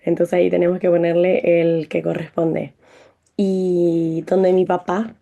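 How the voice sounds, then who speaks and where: A woman's voice: fairly low pitch, flat delivery, a little slow, vocal fry, dark tone. A woman with a Chilean accent teaching a French lesson, encouraging and full of examples. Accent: Chilean Spanish. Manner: encouraging, explains with lots of examples.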